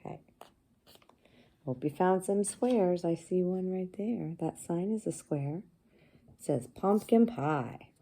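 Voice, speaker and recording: Against slight background noise, a woman reads a children's book aloud at an unhurried pace, her voice low, mellow and soft-edged. She teaches while reading, using simple explanations and questions for the children.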